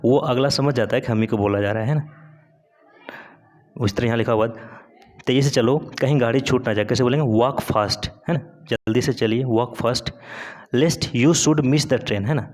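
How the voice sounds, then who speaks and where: A man from India teaching English grammar in Hindi. He keeps asking "है ना?" and reads the example sentences out slowly. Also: mid-range voice, darkish tone.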